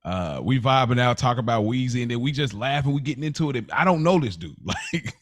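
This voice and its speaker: This animated storyteller, a podcast host from Kentucky and Indiana in the United States, speaks fairly quickly in a mid-range voice, using slang and acting out remembered exchanges in a casual chat. The studio sound is clean, with no room sound.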